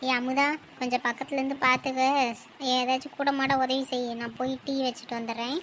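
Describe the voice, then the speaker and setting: A woman's voice: high-pitched, level tone, brisk, fairly bright tone, a little hiss or hum. Woman voicing a busy, instructing bride's mother. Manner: calls out, instructs. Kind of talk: cartoon voice acting.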